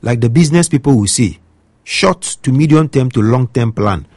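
A man's voice: medium pitch, expressive, moderate pace, darkish tone, no echo. A man from Ghana with a Ghanaian accent, giving opinionated football commentary and pressing his point with emphatic rhetorical questions. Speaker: football pundit.

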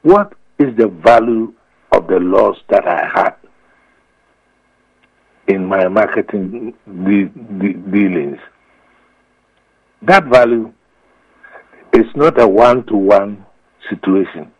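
A man's voice: lowish voice, takes it slowly, pauses often. A man with a Ghanaian accent explaining his views emphatically and with repetition, as an expert guest in a radio interview. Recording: muffled, echoey radio feed.

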